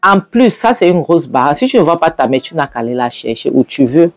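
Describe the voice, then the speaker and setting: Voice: mid-range voice, big pitch swings, brisk, no room sound, soft background music. A storyteller voicing a defiant older woman who dismisses questions with scorn. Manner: combative, dismissive.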